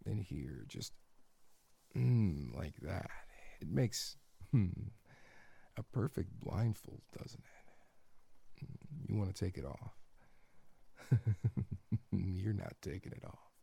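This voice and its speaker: A man's voice: deep voice, animated, takes it slowly, gravelly, long pauses, slightly rough. A man speaking in an intimate, murmured audio roleplay, humming often and slipping into half-whispers. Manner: murmuring, many soft hums, half-whispered.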